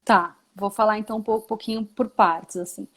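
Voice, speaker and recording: A woman's voice: medium pitch, steady tone, normal speed. A Brazilian woman, a physiotherapist and mother, explaining her path in a live interview, reflective, with many tag questions. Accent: Brazilian Portuguese.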